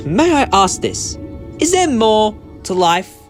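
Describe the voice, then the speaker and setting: A man's voice: high voice, big pitch swings, slow, soft background music, heavily acted. A man playing an eccentric, compassionate time-travelling hero in a sci-fi audio drama, talkative and theatrical, given to speeches. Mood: earnest.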